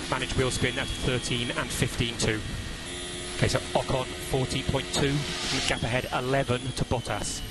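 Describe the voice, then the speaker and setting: A man working as a race engineer gives terse pit radio calls in a clipped, instructional, matter-of-fact way over team radio. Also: mid-range voice. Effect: team radio transmission. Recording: very noisy radio with engine noise.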